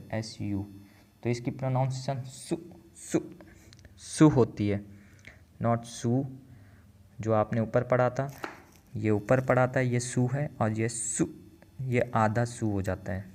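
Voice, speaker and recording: Male teacher, slow and gravelly, patient step-by-step delivery, counts strokes aloud. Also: medium pitch, a little mellow. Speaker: language teacher. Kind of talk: step-by-step writing lesson.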